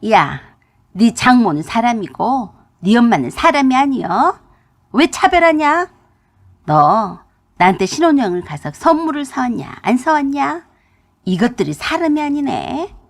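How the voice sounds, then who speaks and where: A woman's voice: fairly high pitch, big pitch swings, moderate pace, slightly rough, heavily acted. A woman voicing a furious older mother-in-law who scolds in rustic dialect turns, in a radio drama reading.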